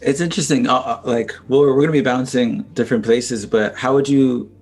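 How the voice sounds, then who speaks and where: A man's voice: medium pitch, fairly even intonation, fairly quick, darkish tone, husky, faint music behind. A man hosting a casual interview, asking long, searching questions full of fillers and slang. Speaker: interviewer, host.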